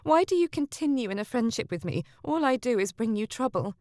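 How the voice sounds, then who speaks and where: A woman voicing a headstrong young noblewoman with sharp, indignant retorts. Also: a little high, expressive, brisk, no echo, studio quality, pitched above the performer's own voice, natural voice. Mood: pleading rueful.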